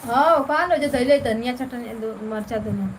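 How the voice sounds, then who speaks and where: A woman's voice: on the high side, normal speed. A woman hosting a casual live stream, chatting with viewers and greeting them with devotional salutations. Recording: noisy phone live stream with vehicle sounds.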